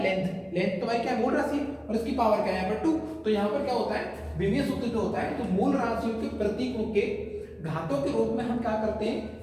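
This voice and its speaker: A man's voice: very high voice, a little mellow. Male teacher lecturing in a classroom, far from the mic with a long echo, quizzing his students as he explains. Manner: explains step by step, keeps asking students questions. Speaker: physics teacher. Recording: echoey room, far from the mic, faint noise.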